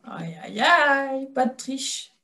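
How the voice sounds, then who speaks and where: Hesitant higher-voiced woman presenter. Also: lively intonation, sharp tone. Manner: hesitant, frequent filler pauses. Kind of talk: online webinar presentation.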